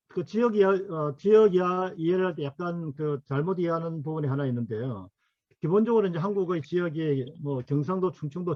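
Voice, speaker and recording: Halting middle-aged male history lecturer. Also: a little high, no room sound, muffled recording. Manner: halting, full of fillers, asks for next slide. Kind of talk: academic lecture to workshop attendees.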